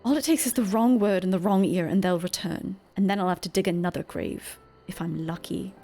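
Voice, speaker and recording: A woman's voice: lowish voice, brisk, warm tone, soft background music. A woman voicing a protective teenage boy from a video game, bitter and weary, with a grave, pleading delivery. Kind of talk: reading video game dialogue.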